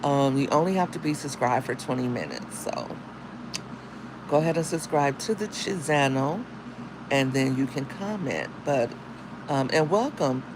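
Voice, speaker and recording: Talking to her livestream audience, a single mom and content creator sounds animated yet unhurried. Her deep, husky morning voice carries chatty, slangy asides. There's background noise, and the mic is a phone.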